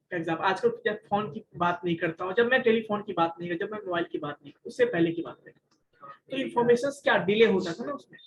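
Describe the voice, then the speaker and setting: A man's voice: high voice, a little hiss or hum, poor audio. A male college lecturer teaching an online class, mixing English terms into his talk, explaining with everyday examples and asking his students questions.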